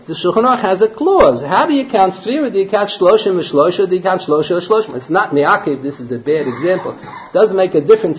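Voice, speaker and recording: A man teaching a Torah class in a conversational way, asking rhetorical questions and mixing Hebrew and Yiddish terms into his English. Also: high-pitched. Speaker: rabbi teaching a Talmud class. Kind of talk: Torah lecture. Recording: dull lo-fi lecture recording.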